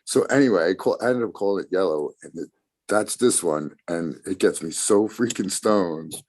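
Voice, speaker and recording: A man's voice: sits low, normal speed, a little mellow. A man chatting casually in a rambling, stoned-sounding way, swearing freely. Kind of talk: casual chat.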